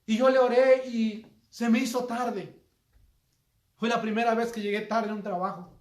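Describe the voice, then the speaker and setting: A man's voice: extremely high pitch, fairly even intonation, normal speed, echoey room. A man preaching a sermon, speaking earnestly and appealing directly to his listeners. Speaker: pastor.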